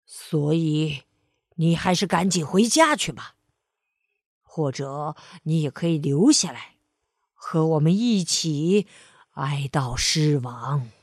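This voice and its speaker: A woman voicing a gloomy, self-important male crow who calls himself a sage, speaking slowly and solemnly. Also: low-pitched, expressive, darkish tone, husky, no echo, clean studio sound, pitched below the performer's own voice, exaggerated voice. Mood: mournful. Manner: solemn, slow and mournful.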